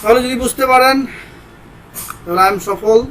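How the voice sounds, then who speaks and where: A man's voice: very high voice, a little slow, fairly bright tone, a little hiss or hum, poor audio. A man with a Bangladeshi accent teaching English grammar in a casual, step-by-step way, sweating in a hot room and switching between Bengali and English examples. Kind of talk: informal grammar lesson.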